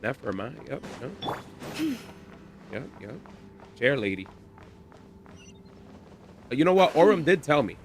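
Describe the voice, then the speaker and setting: A man's voice: medium pitch, sing-song, a little slow, long pauses, slight background noise. A man live-streaming a game, chatting casually and reacting in slang.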